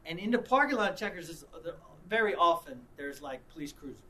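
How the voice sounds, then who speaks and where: A man's voice: on the high side, expressive, a little fast, pushed and bright, slight background noise. A man preaching a sermon, telling a personal story in a conversational way and often repeating and restarting his words. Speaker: pastor.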